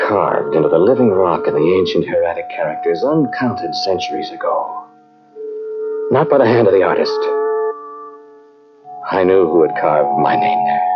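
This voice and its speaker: In an old-time radio drama, an actor plays a haunted scientist recounting a terrifying ordeal in the first person, his delivery dramatic, halting and brooding with a sense of haunted awe. The male voice sits low. It sounds like a dull old cassette recording of a radio broadcast, with music behind it.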